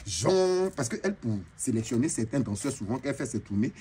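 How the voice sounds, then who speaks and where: A man's voice: mid-range voice, sing-song, a little fast, warm tone, slightly rough. A man with an Ivorian French accent playing a flamboyant, boastful female braider chief who tells comic tales and slips into broken English. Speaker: comedian. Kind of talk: comic monologue in character.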